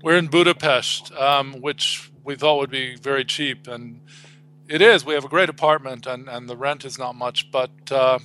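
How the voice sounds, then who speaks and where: A man's voice: mid-range voice, normal speed, bright, forceful tone. A middle-aged man on a phone line, chatting as a guest and telling stories in a dry, wry way. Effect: heard over a phone line. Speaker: guest commentator. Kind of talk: casual chat.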